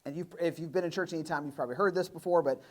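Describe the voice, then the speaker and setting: A young man preaches to his church in a loose, conversational way. His pitch sits a little high, and he jumps into quick acted-out voices as he tells the story. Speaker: pastor. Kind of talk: sermon.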